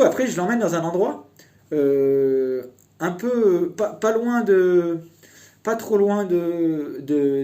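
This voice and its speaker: A man's voice: fairly high pitch, warm tone. A young man casually telling a personal story in a chatty, meandering way.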